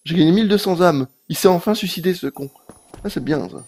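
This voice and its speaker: Male live streamer, mid-high voice, lively and chatty with viewers, swears freely. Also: fairly quick, slight background noise. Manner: animated, talks straight to chat, swears casually. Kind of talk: live gameplay commentary.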